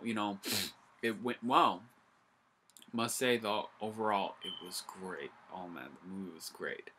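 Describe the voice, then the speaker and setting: A young man talks through a film in a loose, excited video review. His voice is bright and forceful, and he rambles, restarts his sentences and swears casually along the way. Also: fairly low pitch. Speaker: movie reviewer.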